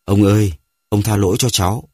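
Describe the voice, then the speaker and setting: A man's voice: low-pitched, brisk, dark tone, husky, no echo. A man voicing a frightened young grandson who pleads with his grandfather in a read-aloud story. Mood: pleading.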